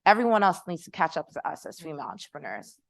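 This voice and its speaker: This middle-aged Haitian American woman, a startup founder with an American accent, talks fast in a low, gravelly, sing-song voice. She gives a passionate, persuasive panel answer in a conference room with an audience, engaging them directly. There's no room sound on the recording.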